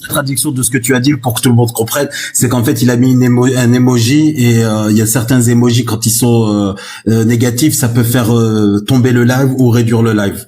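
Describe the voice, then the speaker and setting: A man's voice: mid-range voice, steady tone, fast, warm tone, a little hiss or hum. A man co-hosting a live stream, welcoming guests and translating for viewers. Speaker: co-host and translator. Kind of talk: casual live-stream moderating.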